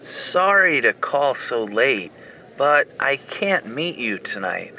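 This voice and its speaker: A man's voice: medium pitch, very animated, slow, pushed and bright, heavily acted, rough recording. An actor voicing a young man calling to cancel plans because he feels sick, in a careful textbook-audio delivery. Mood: apologetic.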